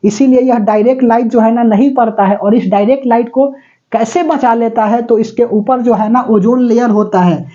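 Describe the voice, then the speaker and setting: A male teacher gives a chatty classroom lecture in Hindi, mixing in English terms, frequently checking that students are following, and breaking into snatches of song. His voice is very high and dark-toned, at normal speed, with lo-fi sound.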